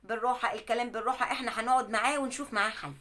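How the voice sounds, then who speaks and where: A worried middle-aged mother from an Egyptian household, gentle and coaxing, voiced by a woman narrator. Her voice sits high and bright, and her words come quickly. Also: steady tone, lightly acted. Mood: pleading. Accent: Egyptian Arabic.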